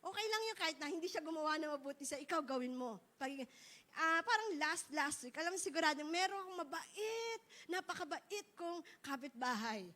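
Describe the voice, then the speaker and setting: A woman's voice: sits high, animated, a little fast, sharp tone. A middle-aged woman pastor preaching a sermon, switching between Tagalog and English and often asking "di ba?" to the congregation. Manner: leads the congregation in repeating phrases.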